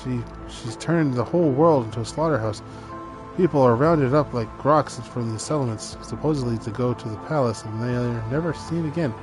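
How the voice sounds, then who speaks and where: A man's voice: medium pitch, normal speed, close to an everyday voice. Man playing a boyish, desperate young rebel over music. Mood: desperate pleading. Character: desperate young rebel, practically a boy, pleading and defiant. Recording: music behind the voice.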